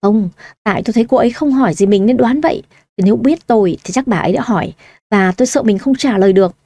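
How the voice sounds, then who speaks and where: A woman doing a blunt, sharp-tongued young woman. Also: fairly high pitch, quick pace, no room sound, studio quality. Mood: teasing. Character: bold young woman posing as a lost daughter.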